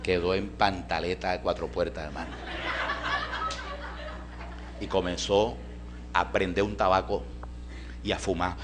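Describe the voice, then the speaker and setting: A male pastor preaching a storytelling sermon in a church, folksy and animated, often calling his listeners brother. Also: low voice, measured pace, pauses often, noisy background.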